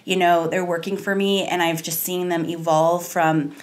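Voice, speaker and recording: A woman's voice: on the low side, little pitch movement, normal speed. A woman in her thirties, a salon owner, talking as a podcast guest in an earnest, reflective way, stringing long thoughts together, recorded on a desk mic in a small studio. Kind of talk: podcast interview. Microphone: studio mic on a desk stand, wearing headphones.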